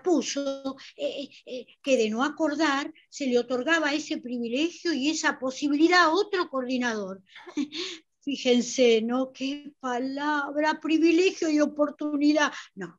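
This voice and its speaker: A woman's voice: high-pitched, lo-fi sound. Woman playing rambling old mother Monona. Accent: Rioplatense Spanish. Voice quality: rambling, hesitant with many fillers. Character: chatty elderly mother Monona, pleading and rambling. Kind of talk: amateur theatre play over video call.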